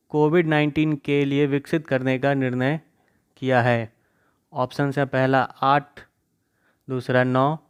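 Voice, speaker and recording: A man's voice: on the high side, smooth. A young man teaching an exam-prep quiz lesson, reading each question and its options aloud, then explaining the answer, into his talk. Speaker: current affairs quiz teacher.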